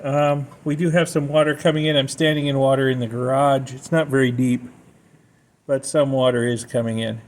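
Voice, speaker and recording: A man's voice: medium pitch, level tone, moderate pace. A man casually narrating what he sees around his home, as in a homemade vlog. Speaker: homeowner filming a storm vlog. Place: at a house during and after a storm. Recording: handheld recording with background noise.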